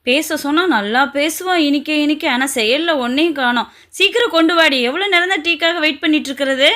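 A woman's voice: high-pitched, fast talker, bright, forceful tone. A woman playing a cruel, bossy stepmother who scolds harshly in an amateur family drama. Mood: impatient.

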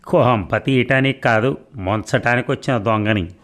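A man voicing a cocky, smooth-talking burglar in a comic story. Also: mid-range voice, normal speed, fairly bright tone, lightly acted. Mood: smug.

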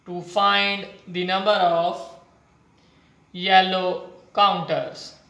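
A maths teacher with a Pakistani accent giving a whiteboard lesson in halting, piecemeal phrases, voice of unclear sex. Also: medium pitch, flat delivery, a bit bright. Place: indoors at a whiteboard. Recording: echoey room.

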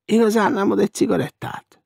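A man's voice: sits high, vocal fry, darkish tone, slightly rough, no room sound, studio quality, voice pushed up, exaggerated voice. A man voicing a cheerful, courteous young man in pyjamas, breezy and lightly ironic, in an audiobook.

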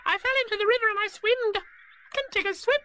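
Squeaky little kangaroo child, extremely high, piercingly bright, eager, full of questions, storybook. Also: male voice, fairly even intonation, quick pace. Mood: excited, boastful. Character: small excitable eager young kangaroo boy, childlike.

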